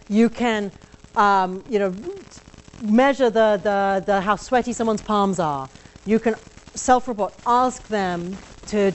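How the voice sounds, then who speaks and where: Lady lecturer with an accent, fairly high voice, chatty and explaining things to her class. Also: a little hiss or hum, poor audio. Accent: non-local accent. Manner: conversational, explaining step by step. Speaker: university lecturer. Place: lecture room.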